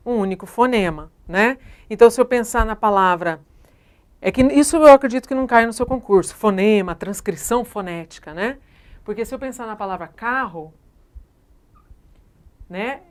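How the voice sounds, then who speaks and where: A female teacher with a Brazilian Portuguese accent delivers a grammar lesson at an ordinary, mid-range pitch. She explains step by step and keeps checking in with her students through short tag questions.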